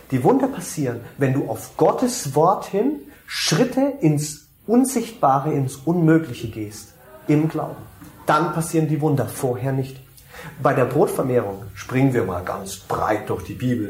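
A man's voice: on the high side, roomy sound. A man preaching a sermon, talking to the congregation casually, asking them questions and dropping in English phrases.

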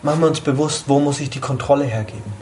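Chatty German preacher with a higher voice. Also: male voice, fast talker, darkish tone, slight background noise. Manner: conversational, asks listeners often. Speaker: preacher at a small church group. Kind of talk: informal sermon.

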